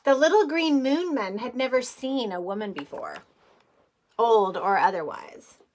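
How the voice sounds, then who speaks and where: A woman's voice: on the high side, expressive, unhurried. A woman teacher reading a picture book aloud to young children in a playful way, with chatty asides and questions.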